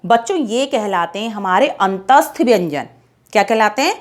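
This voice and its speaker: A woman teaching a children's alphabet lesson, reciting letters slowly and repeating her own questions and answers for the pupils. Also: medium pitch, expressive.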